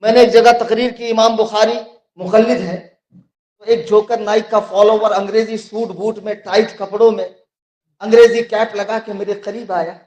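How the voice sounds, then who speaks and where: A man with a Mumbai accent preaching a fiery sermon at a live religious gathering, often shouting and mocking his opponents. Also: high-pitched, steady tone, moderate pace, echoey room, low-quality recording. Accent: Mumbai Hindi. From India.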